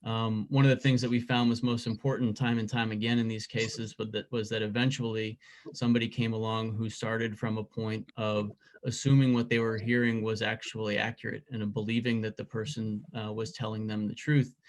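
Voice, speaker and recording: A man's voice: on the low side, level tone, fairly quick, a little hiss or hum. A man speaking as an investigative reporter on a conference panel, thoughtful and often repeating words as he searches for them.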